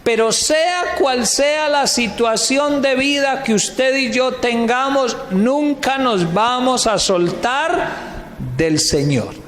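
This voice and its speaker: A man's voice: very high-pitched, takes it slowly, a bit bright. A man preaching a sermon as a pastor, asking the congregation questions, answering them himself, and calling listeners brother. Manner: keeps addressing listeners as "brother". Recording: echoey hall with long reverb, faint noise.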